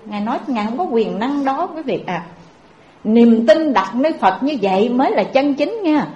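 A woman with a Southern Vietnamese accent giving a Buddhist sermon, telling stories and speaking straight to her listeners. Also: on the high side. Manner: animated, addresses the audience directly. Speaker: Buddhist preacher. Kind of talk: sermon with storytelling. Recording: dull echoey recording.

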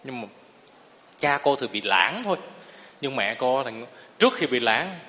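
A man's voice: medium pitch, sing-song, a little slow, bright, forceful tone, slight background noise. A man, a Buddhist monk giving a sermon in a folksy storytelling way and often asking the listeners if they agree. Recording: long reverb of a hall.

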